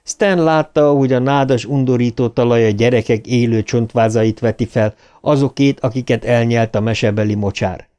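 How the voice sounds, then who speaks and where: A man reading an audiobook aloud in an expressive, dramatic narration style. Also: mid-range voice, clear, resonant tone.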